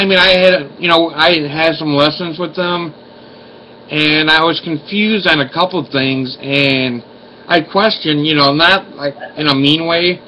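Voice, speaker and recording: Man in his forties with a slight lisp after oral surgery, fairly high and bright voice, rambling and apologetic. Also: a little hiss or hum, low-quality recording. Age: 40s. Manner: rambling, apologetic, with many fillers and restarts. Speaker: vlogger. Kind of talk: casual vlog monologue and recorded phone call.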